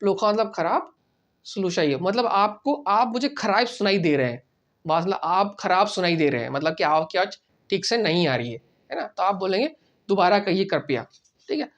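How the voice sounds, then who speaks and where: A man teaching a casual spoken language lesson, explaining step by step, repeating phrases slowly and often checking in with "right?". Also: high-pitched, lively intonation, fairly bright tone.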